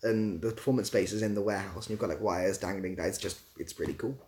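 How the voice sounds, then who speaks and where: This man's voice sits on the low side and is a little mellow, with fairly even intonation and a fast pace. An ASMR creator who also works as a theatre assistant producer, he answers viewer comments informally on his livestream, rambling and groping for words.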